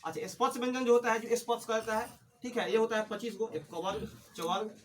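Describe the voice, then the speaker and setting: A man's voice: sits high, fairly even intonation, fast, crowd noise. A man teaching a classroom lesson, drilling the students with call-and-response questions.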